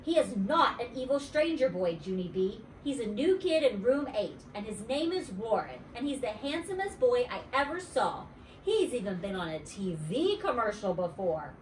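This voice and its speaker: A huffy, possessive little girl from a storybook, as a woman reads her part, protesting indignantly in a highish voice with plenty of rise and fall. The reading sounds roomy and set back from the mic. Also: big pitch swings, moderate pace, distant mic, a little hiss or hum.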